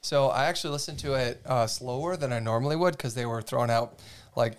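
A man with a clear, smooth voice co-hosts a podcast. He chats casually and easily at a medium pitch, adding dry teasing asides. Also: brisk. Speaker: podcast co-host.

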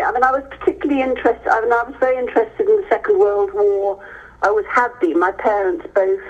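A middle-aged or older English woman from Hereford, near the Welsh border, speaks in a mid-range voice on lo-fi audio. Answering as a guest author in conversation, she tells stories with emphatic repetition.

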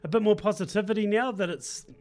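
A man's voice: sits high, fast talker, darkish tone. A New Zealand man hosting a casual farming radio interview in a studio, speaking in informal, laid-back colloquial phrases.

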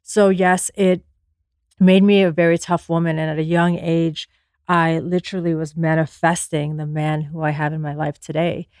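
A woman's voice: low-pitched, little pitch movement, normal speed, a little mellow, smooth, no echo, clean studio sound. A woman interview guest, born in Afghanistan and raised in the US, speaking earnestly and with self-assurance about her life. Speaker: podcast guest, entrepreneur. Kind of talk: candid interview conversation.

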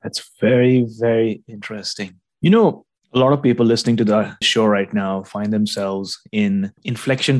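A man's voice: fairly low pitch, a little mellow. A man hosting a podcast about spirituality, opening with an enthusiastic promotional intro and then asking conversational questions. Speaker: podcast host. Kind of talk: podcast interview.

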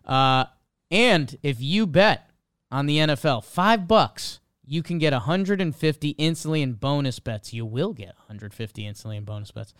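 A male host reading scripted ad fine print as a very fast legal disclaimer. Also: on the high side, fairly bright tone, clean tone, no echo, studio quality. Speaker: show host.

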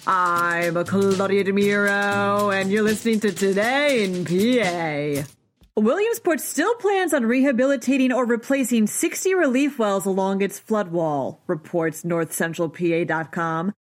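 A woman hosting a daily local news podcast, reading a script in a brisk, upbeat newsreader manner. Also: a little high.

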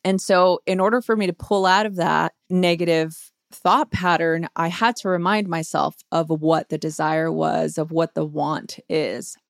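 A woman in an earnest advice talk, pitched a little low with a gravelly fry in her voice. She piles up rhetorical questions and repeats herself for emphasis. The sound is close and dry. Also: steady tone, a little slow, few pauses, no echo. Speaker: guest author. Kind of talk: reflective advice on a podcast.

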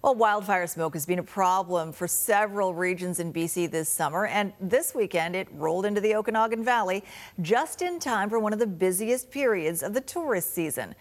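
A woman's voice: mid-range voice, expressive, normal speed. A woman presenting a newscast as its anchor. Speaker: TV news anchor.

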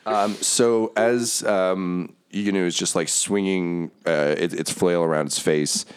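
A man's voice: low-pitched, steady tone, unhurried, clear, resonant tone. A man narrating as game master, loose and laughing, full of fillers and swearing.

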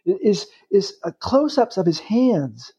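A male guest talking in a halting, admiring way during a casual chat. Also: high-pitched, sing-song, warm tone, breathy edge, muffled recording.

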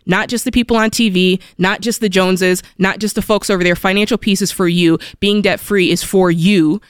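A woman co-hosts a radio show, speaking in an emphatic, encouraging way. Her voice is smooth and clear at a middle pitch. The recording is dry and close, with no room sound. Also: steady tone, fairly quick, no room sound. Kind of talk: casual radio talk.

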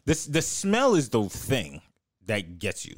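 A man's voice: mid-range voice, wildly swooping pitch, takes it slowly, dry recording, studio quality. A young man telling stories in casual podcast chat, slangy and laughing often.

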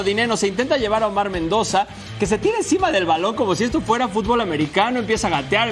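A man co-hosting a sports show, narrating match highlights in a jokey way with wordplay.

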